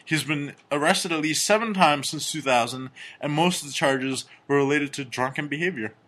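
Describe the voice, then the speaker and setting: A man co-hosting a casual comedy podcast, reading strange news stories and personal ads aloud with crude, deadpan jokes. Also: a little high, moderate pace. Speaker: podcast co-host.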